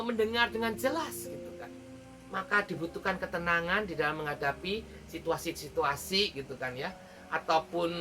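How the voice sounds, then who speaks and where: A woman with an Indonesian accent giving a devotional sermon at a morning prayer meeting, talking in a loose conversational way with many filler tags and hesitations. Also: low voice.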